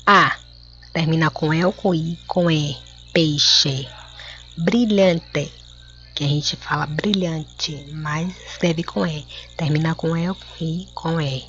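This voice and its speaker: A woman teacher with a Brazilian accent, going through a lesson slowly and clearly for children and drawing out words syllable by syllable. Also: sits low, a bit bright. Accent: Brazilian Portuguese. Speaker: schoolteacher. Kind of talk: recorded classroom lesson. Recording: dull lo-fi home recording.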